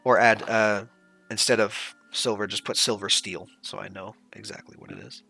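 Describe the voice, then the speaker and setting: A man acting as game master, narrating and explaining rules in a casual, sweary way with halting descriptions. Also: on the low side, steady tone, gravelly, sharp tone, soft background music.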